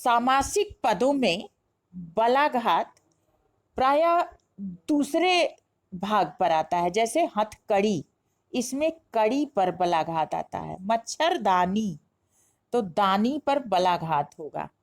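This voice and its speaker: Slow, lively-voiced woman teaching grammar. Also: mid-range voice. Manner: asks herself questions and answers them. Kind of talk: classroom-style lesson explanation.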